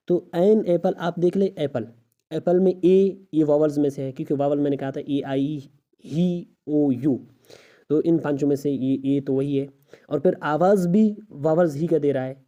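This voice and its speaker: A man's voice: a little high, mellow. A male English teacher giving a recorded grammar lesson, explaining step by step and asking rhetorical questions of his student.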